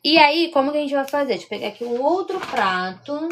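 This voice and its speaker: Against background noise, a baking instructor from Rio de Janeiro, Brazil, speaks in a high, animated, brisk voice with a Carioca Portuguese accent. Leading a live-streamed baking demonstration, she chats with viewers and checks in with them as she goes.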